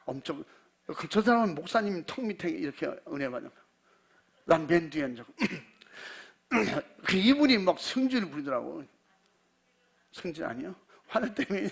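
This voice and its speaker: An older male pastor with a gravelly, husky voice pitched a little high, preaching in a folksy storytelling way. He acts out the back-and-forth of his story and keeps clearing his throat. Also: sing-song, normal speed, pauses often. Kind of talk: sermon with personal story.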